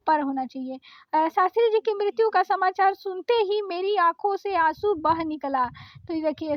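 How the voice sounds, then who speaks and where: High-voiced woman teaching grammar. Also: no echo, muffled recording. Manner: corrects sentences one by one, explaining patiently. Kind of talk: exam-prep grammar lesson.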